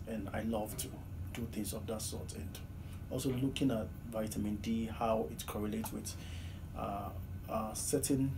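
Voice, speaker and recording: A man in his thirties from Ghana with a Ghanaian accent, earnestly answering interview questions from a small office, with many "uh" fillers. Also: lowish voice. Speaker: PhD student guest. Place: small office, seated in desk chair. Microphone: far camera, low angle. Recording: noisy room recording.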